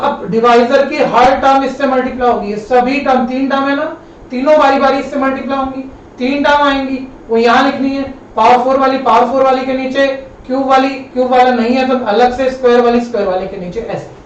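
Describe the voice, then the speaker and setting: A male maths teacher explains each step slowly and repeats himself patiently, to his students like a familiar elder. His voice comes some distance across a very echoey classroom. The sound is dull and lo-fi, with a faint hiss behind it. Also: very high-pitched. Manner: patient, repetitive, addresses students as kids and brother. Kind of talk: live online classroom lesson.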